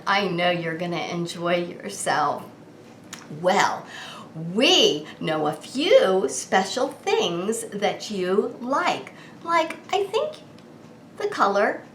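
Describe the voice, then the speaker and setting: A woman's voice: on the high side, fairly bright tone. A woman hosting a children's birthday greeting with exaggerated, sing-song party enthusiasm, asking questions and answering as if the child had replied. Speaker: children's show host. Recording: echoey room with faint background noise.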